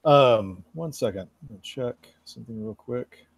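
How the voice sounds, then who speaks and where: A man narrating as game master of a tabletop game, measured and relaxed, with casual fillers. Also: medium pitch, vocal fry, husky, no room sound.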